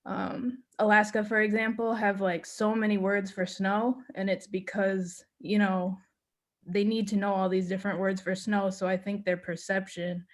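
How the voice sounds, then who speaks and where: A woman with a middle-pitched voice talks in a casual group discussion, easy and chatty. She sprinkles "like" through her sentences as she shares what she knows. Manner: chatty, leans on "like". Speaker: class participant with a cognitive science degree.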